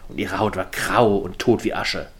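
A man narrating a scripted horror story in a calm, measured way. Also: low-pitched.

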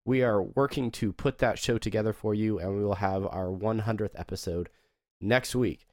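A sick, hoarse man co-hosting a podcast over a video call, joking at his own expense. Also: lowish voice, normal speed, a little mellow, dry recording, studio quality. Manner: self-mocking, laughs often. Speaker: podcast co-host. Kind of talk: casual chat.

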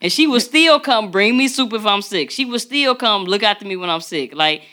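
An animated woman co-hosting a podcast, chatting casually and laughing often. Her voice is bright and forward, with a lively, forceful edge. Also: medium pitch, normal speed. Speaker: podcast co-host. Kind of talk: casual chat. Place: podcast studio.

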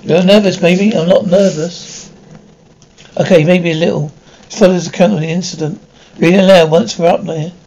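A man's voice: high voice, fairly even intonation, moderate pace, gravelly, darkish tone, rough recording. A man acting out military pilots and other characters of a period drama, with a stumbling delivery full of restarts. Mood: tense banter.

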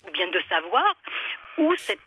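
A man's voice: high-pitched, very animated, a little slow, pushed and bright, poor audio. A man calling in to a radio show over a landline phone, speaking politely and hesitating with fillers. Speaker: caller. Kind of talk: radio call-in chat.

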